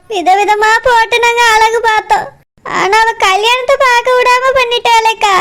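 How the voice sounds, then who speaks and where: A woman voicing an emotional cartoon mother with a Kanyakumari accent. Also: very high voice. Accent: Kanyakumari Tamil. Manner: emotional, sharp when angry. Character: grieving mother, fiery daughter-in-law.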